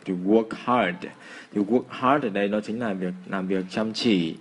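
Low-voiced Vietnamese teacher explaining English. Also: male voice, slightly rough. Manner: slows down to model English phrases. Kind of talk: casual explanatory lesson.

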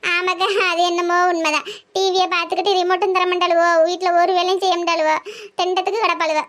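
A woman voicing a melodramatic middle-aged village housewife in a cartoon comedy, theatrical and sharp-tongued. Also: level tone, quick pace. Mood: complaining. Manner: shrill, theatrical wailing and complaining.

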